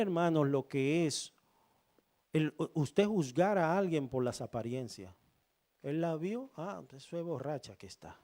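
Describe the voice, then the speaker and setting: Male pastor preaching slow and deliberate, kinda high voice, asks the church questions. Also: dark tone. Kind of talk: sermon.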